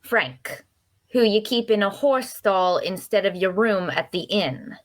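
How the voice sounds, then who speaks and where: In a table read of a dark fantasy audio drama, a woman voices a chatty, nosy, cheerful traveler with a folksy, teasing manner. Her medium-pitched, expressive delivery is unhurried and close to everyday speech, shifting between teasing and pleading.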